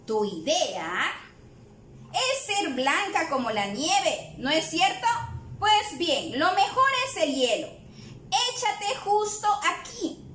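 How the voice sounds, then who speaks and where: A woman's voice: extremely high pitch, sing-song, slow, a bit bright, a little hiss or hum, exaggerated voice. Woman voicing a peppy bossy male penguin for a storybook read-aloud, upbeat coaxing orders, echoey space. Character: cheerful bossy male penguin, eager helper. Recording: echoey room.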